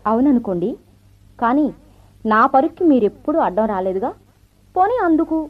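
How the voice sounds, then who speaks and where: An actress playing a confident career wife and officer in an old radio show, brisk and teasing, with the thin sound of a vintage radio broadcast. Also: female voice, on the high side, expressive, phone-quality sound. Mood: defensive. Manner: brisk, self-assured, teasing speech with light laughs. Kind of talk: 1970s radio drama acting.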